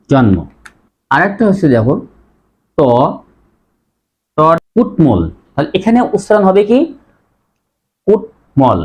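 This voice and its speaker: A man teaching a pronunciation lesson, repeating each word slowly and putting questions to his students. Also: on the high side, darkish tone.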